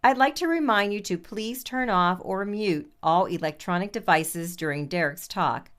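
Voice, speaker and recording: A woman's voice: medium pitch, normal speed, a bit bright. A woman reading scripted listening-practice material in a formal, carefully enunciated way.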